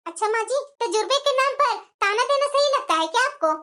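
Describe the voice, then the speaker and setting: A woman's voice: very high-pitched, expressive, a little fast, pushed and bright, exaggerated voice. A woman voicing a young daughter-in-law in a cartoon, pleading earnestly and standing her ground. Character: young daughter-in-law, hurt but firm. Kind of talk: cartoon voice acting.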